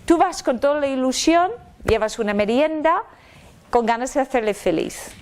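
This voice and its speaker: A woman giving a live spiritual self-help talk, chatty and lively, checking in with her listeners and throwing in playful sound effects. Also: sits high, moderate pace. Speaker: speaker at a personal-growth talk. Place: lecture room with a live audience.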